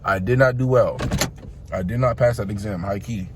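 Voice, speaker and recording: A man's voice: lowish voice, moderate pace, noisy background. A young man talking casually in a vlog, slangy and rambling, calling viewers "bro" and restarting his sentences often. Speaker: vlogger. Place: car, on the road.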